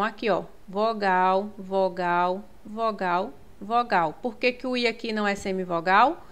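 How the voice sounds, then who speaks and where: A woman's voice: medium pitch, a bit bright. A woman teaching a grammar lesson, patiently working through exam questions and checking in with her students as she goes. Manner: patient, repeats key words, checks in with "tá?" and "ó".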